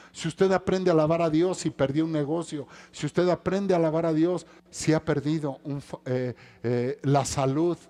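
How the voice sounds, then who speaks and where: A man preaching, his voice sitting a little high for a man. He moves between quiet, low stretches and loud, climbing exhortations, as a pastor giving a sermon.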